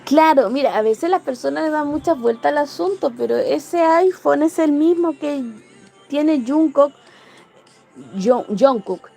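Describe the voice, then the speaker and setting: A woman's voice: sits high, normal speed, creaky, warm tone, faint music behind. A Chilean woman hosting a casual livestream, chatting in a rambling way and greeting viewers by name. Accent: Chilean Spanish. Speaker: livestream host. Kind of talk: casual live-stream chat.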